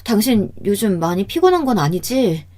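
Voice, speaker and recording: A woman voicing a trusting adult daughter who questions gently. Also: mid-range voice, sing-song, moderate pace. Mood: concerned.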